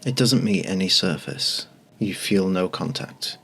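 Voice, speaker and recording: A man narrating a tabletop game as game master in a measured, descriptive way. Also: low-pitched, expressive, creaky, fairly bright tone, slight background noise.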